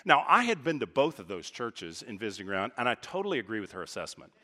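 A man from Texas preaching a sermon as pastor, talking with emphatic swings from loud, high points to quiet, low asides. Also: very animated, fast talker, a little hiss or hum. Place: church sanctuary. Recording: reverberant church hall.

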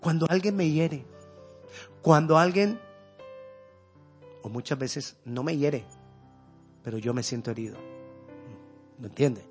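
A man preaching with a fairly high voice, his delivery swinging between loud, fervent peaks and quiet, intimate murmurs. At times he relaxes into homely storytelling. A soft music bed plays under his words. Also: unhurried, pauses often. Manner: tells a homely story in a conversational way. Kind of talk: sermon.

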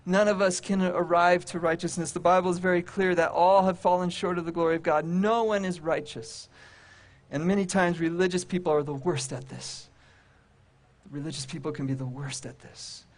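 A man preaching a sermon to a congregation, with emphatic, repetitive phrasing and dramatic pauses. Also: sits high. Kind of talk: sermon to a congregation and online audience.

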